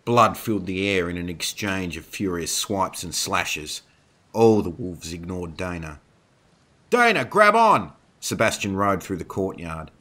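A male narrator reads a horror story with a deep, low voice. His tone is bright and crisp despite the low pitch. His delivery is steady and measured. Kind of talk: scripted narration.

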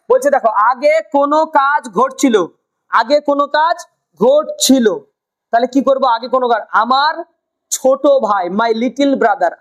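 A woman with a high voice runs a spoken English lesson. She asks the same question again and again and slows down on the key phrases for her learners to repeat. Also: low-quality recording. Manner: drills learners with repeated questions and slow prompts. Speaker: English teacher.

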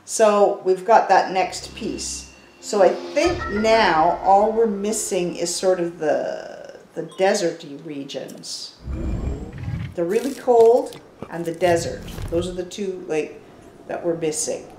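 A woman's voice: on the low side, slow pace, darkish tone, slight background noise. An older woman hosting a gaming channel, giving chatty step-by-step commentary as she plays. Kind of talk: gameplay commentary. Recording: roomy echo.

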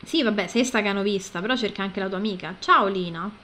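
A woman's voice: mid-range voice, fast, sharp tone. A woman with an Italian accent playing a story game, reading its text aloud and commenting wryly, with light swearing. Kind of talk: casual gameplay commentary with narration.

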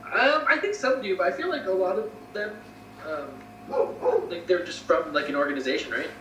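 A man's voice: high-pitched, normal speed, fairly bright tone, recorded from a distance. A young American man answering questions casually and hesitantly, with lots of ums. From United States. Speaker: guest. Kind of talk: casual interview chat. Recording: echoey room, off-mic, faint noise.

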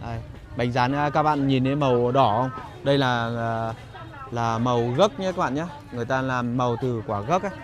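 A man giving a casual walking vlog commentary as a guide, pausing often on fillers as he talks to viewers. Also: mid-range voice. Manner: hesitant phrasing with frequent filler pauses. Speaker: market vlogger and guide. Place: outdoors in a busy rural street market. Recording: noisy outdoor market street ambience. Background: market bustle and vehicles.

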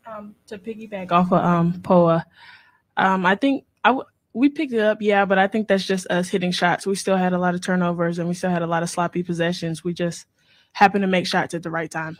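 A woman's voice: fairly low pitch, fairly even intonation, brisk, no room sound. A young woman college basketball player answering questions at a postgame press conference, blunt and matter-of-fact, into a table microphone. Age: young adult.

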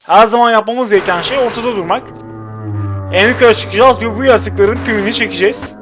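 A young man with a high voice talks through a playthrough, muttering and nagging at the characters on screen. Game music plays clearly underneath his commentary. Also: brisk, a bit bright. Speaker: gaming channel host. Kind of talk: let's play commentary. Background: game music and sound effects.

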